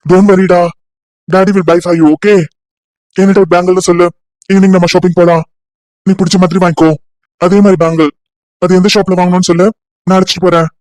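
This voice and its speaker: A woman voicing a gentle middle-aged father in a cartoon story, coaxing and reassuring in a calm, steady way. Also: fairly low pitch, no echo, voice pushed down, close to an everyday voice. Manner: coaxing, reassuring, mixes English into Tamil.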